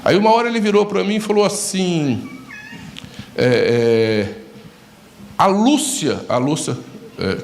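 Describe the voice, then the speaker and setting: A man's voice: a little high, animated, a little slow, vocal fry, long pauses, echoey room, slight background noise. A male pastor with a Brazilian Portuguese accent preaching a sermon, telling stories and acting out conversations with his congregation. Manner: storytelling, acts out dialogues, addresses congregation directly.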